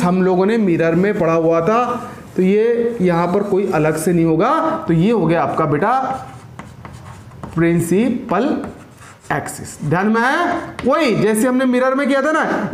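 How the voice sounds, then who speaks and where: A man's voice: sits high, normal speed, echoey room. A man teaching a school science lecture, who keeps asking questions, repeats the answers and calls his students "beta". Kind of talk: classroom lecture.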